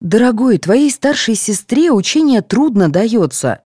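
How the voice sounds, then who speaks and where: A woman voicing a soft, indulgent mother who fusses and apologizes for her children in an audiobook. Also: fairly high pitch, sing-song, unhurried, breathy edge, dry recording, clean studio sound, pitched above the performer's own voice, exaggerated voice. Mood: fussing. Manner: fussing, apologetic.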